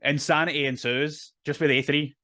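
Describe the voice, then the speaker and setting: A man's voice: a little high, fairly even intonation, normal speed, sharp tone. A man co-hosting a casual podcast, chiming in with brief, agreeable comments. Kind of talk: casual chat.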